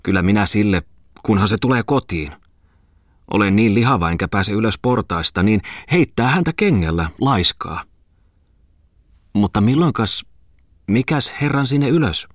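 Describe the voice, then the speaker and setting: A male reader voicing a loud, scolding, stout old miller's wife in an audiobook. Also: lively intonation, long pauses, dry recording, clean studio sound. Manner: shrill, scolding.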